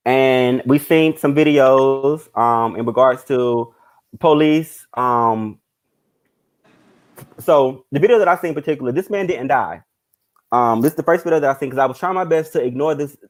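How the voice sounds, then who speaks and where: A man in a casual group discussion, retelling something earnestly and haltingly, often restarting. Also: mid-range voice, low-quality recording.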